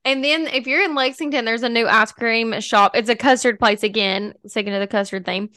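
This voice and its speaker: A woman's voice: fairly high pitch, fairly even intonation, fairly quick, bright, forceful tone, no room sound. A young woman co-hosting a podcast, chatting casually and gushing with lots of laughter. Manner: bubbly, gushing, laughs often. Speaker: podcast co-host. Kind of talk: casual chat.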